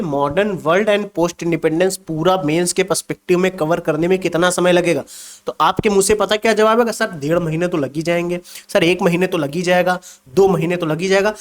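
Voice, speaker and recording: A man teaching exam preparation, lecturing emphatically and firing rhetorical questions at his students. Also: sits high. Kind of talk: motivational exam-prep lecture.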